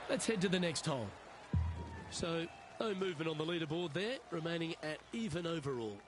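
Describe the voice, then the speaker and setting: A man voicing a play-by-play golf commentator in a game, with a smooth, measured broadcaster delivery. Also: on the high side, animated, natural voice. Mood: calm. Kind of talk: scripted sports commentary. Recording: commentary over crowd and course noise.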